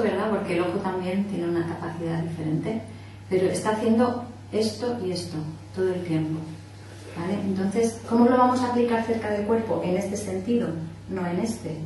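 A woman from the Barcelona area of Spain leads an informal workshop for a small group in a compact indoor meeting room, her mid-range voice carrying a darkish tone. She explains things, demonstrates with her hands, and keeps checking that everyone follows with "¿vale?". A distant camera picks her up, so the room sounds echoey with a faint hiss.

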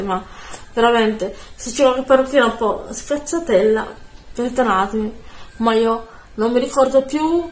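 A woman chatting casually into her phone camera at home, soft-spoken and rambling, often correcting herself. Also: fairly high pitch, echoey room. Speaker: beauty vlogger. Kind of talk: casual vlog chat.

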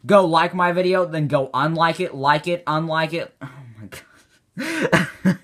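Man, gaming reaction host, self-mocking and excitable, bright lively delivery. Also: fairly high pitch, slow pace. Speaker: creator reacting to his own old video.

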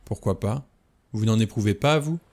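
A man reading a calm, quiet young woman. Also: fairly low pitch, moderate pace.

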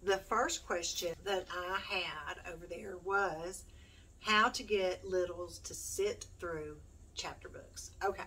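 Here the homeschooling YouTuber, a middle-aged woman, talks slowly in a lowish, bright voice with a forceful tone. Her chat to camera is casual, meandering and self-mocking. It was recorded at home in a small indoor room on a distant mic with plenty of background noise.

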